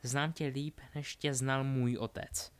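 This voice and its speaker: A man's voice: mid-range voice, level tone, smooth, close to an everyday voice. A man voicing a mocking young witch. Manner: taunting, ironic.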